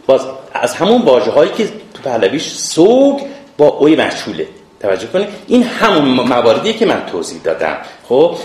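Man lecturing with a lively voice. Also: medium pitch. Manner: explains patiently, often urges attention, chants verses. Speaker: literature teacher. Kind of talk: classroom lecture with verse reading. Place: classroom. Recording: roomy classroom echo.

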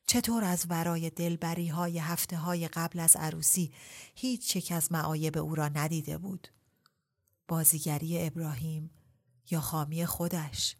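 A woman reading a literary novel aloud in a measured, reflective way, posing rhetorical questions. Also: deep voice, steady tone, a little mellow. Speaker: audiobook reader. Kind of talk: literary story narration.

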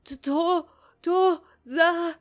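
A woman voicing a loud boastful brute warrior. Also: fairly low pitch, level tone, voice pushed down, close to an everyday voice. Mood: choking. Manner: loud, threatening, gloating. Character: brutish boastful male warrior, greedy and hot-tempered.

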